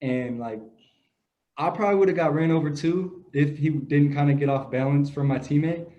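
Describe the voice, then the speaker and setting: A young man co-hosting a casual sports podcast, telling stories in a relaxed, rambling way with many fillers. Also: fairly high pitch, normal speed. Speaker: podcast co-host, grandson. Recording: dull lo-fi audio.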